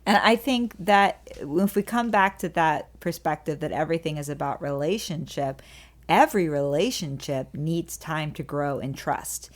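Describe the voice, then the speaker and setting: Woman, podcast co-host; deep for her sex, earnest, easy laugh. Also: animated, normal speed. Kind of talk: faith podcast chat.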